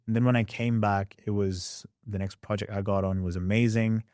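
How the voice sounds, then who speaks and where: A young man whose accent mixes Australian and English speech shares his story candidly as a podcast guest. His low voice sounds dry with no room sound, and he's an animated, quick storyteller who acts out past scenes.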